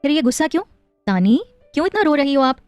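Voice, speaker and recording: Audio story role: a gentle, doting young dad, read by a woman narrator, higher voice, dry and close. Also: sing-song, fast, dry recording, faint music behind. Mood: coaxing. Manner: gentle, coaxing, affectionate. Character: doting young husband and father, playful.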